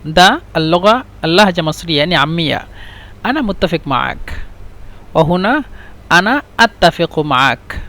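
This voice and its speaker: A man teaching a language lesson, explaining slowly and repeating phrases, switching between Arabic and English. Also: a little high, expressive, pushed and bright. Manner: slow, repetitive explanations mixing Arabic and English.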